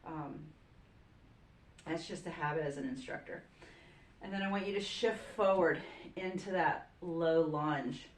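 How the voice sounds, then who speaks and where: A woman yoga instructor leading a home floor routine, calmly cueing breath and poses. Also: low voice, a little slow, pauses often, roomy sound, a little hiss or hum.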